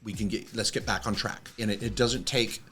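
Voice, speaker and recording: A man's voice: on the low side, steady tone, fairly quick, bright, forceful tone. A man co-hosting a casual financial chat, walking through numbers step by step in an upbeat way. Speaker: co-host.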